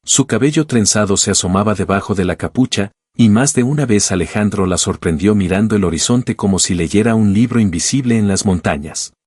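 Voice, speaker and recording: A man narrating a scripted story in an even, measured reading. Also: fairly low pitch, slightly rough, no echo, clean studio sound.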